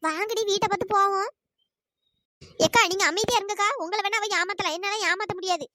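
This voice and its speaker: A woman's voice: extremely high pitch, fast, bright, forceful tone. A woman voicing a sly, meddling village woman who stirs up quarrels in a cartoon. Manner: scolding, sly and gossipy. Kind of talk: cartoon voice acting.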